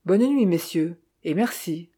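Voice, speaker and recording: A reader voicing a wily, smooth-talking male card sharp in an audiobook. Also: medium pitch, expressive, measured pace. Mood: smug. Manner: pleased, smooth.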